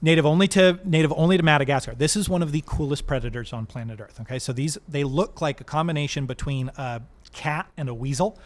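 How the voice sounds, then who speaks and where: A man's voice: fairly high pitch, fast talker, hardly any pauses. A man who works at a zoo, a guest on a casual podcast, eagerly explaining animal facts and quizzing the hosts. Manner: enthusiastic, explanatory, laughs at own jokes.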